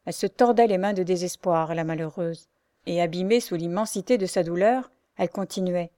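A woman narrating a classic novel in a measured, dramatic way. Her voice sits mid-range. The recording is close and dry. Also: medium pitch, mellow, no room sound. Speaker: audiobook narrator.

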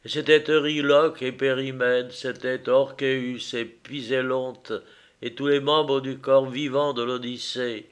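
Slow, measured male storyteller. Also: mid-range voice, level tone. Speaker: narrator. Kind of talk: literary audiobook reading.

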